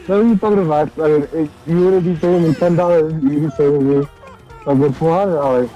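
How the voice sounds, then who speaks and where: A man's voice: a little fast, warm tone, faint music behind. A man on a voice chat call whose broken mic makes him sound muffled, casual and sweary as he argues a point. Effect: muffled, bass-heavy broken mic over voice chat. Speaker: voice chat caller.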